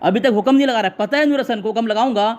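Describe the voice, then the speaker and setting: High-voiced fast man insisting in a debate. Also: darkish tone. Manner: insistent, repeats phrases over and over. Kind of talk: heated religious debate.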